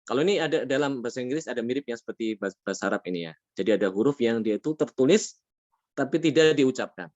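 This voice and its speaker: A man teaching a tajweed class, patient, asking his students questions and drawing out Arabic words slowly. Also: mid-range voice, expressive, darkish tone, no echo, lo-fi sound. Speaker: Quran recitation teacher. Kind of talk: tajweed lesson.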